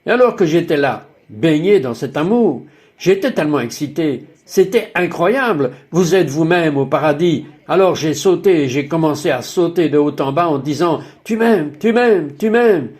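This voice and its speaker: A man's voice: a little high, lively intonation, normal speed, darkish tone. A man narrating a dubbed personal testimony in an emphatic, exclaiming way, full of wonder.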